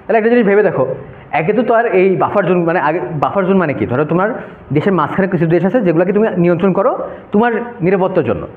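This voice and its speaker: A young debate workshop instructor gives an informal classroom lecture, walking students through a map and often asking "okay?". His voice is high-pitched, expressive and rapid-fire. The room is echoey and the sound is narrow, like a phone.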